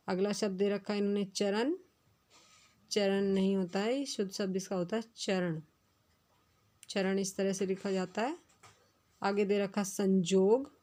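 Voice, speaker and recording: Woman teacher, class lesson, careful word-by-word dictation, middle pitch. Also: mellow. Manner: slow, careful dictation of words. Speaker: school teacher.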